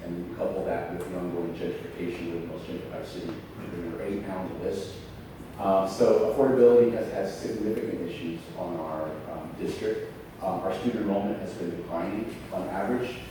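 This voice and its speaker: A man's voice: deep voice, steady tone, brisk. A man from Austin, Texas, a school board trustee, speaking earnestly to a public forum with many fillers and restarts. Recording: echoey hall, mic far off, background noise.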